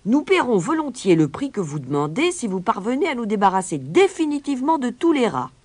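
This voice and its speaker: A woman voicing a pompous, scheming male town mayor in a storybook reading, with loud, blustering speech. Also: fairly high pitch, sing-song, a little fast, pitched above the performer's own voice.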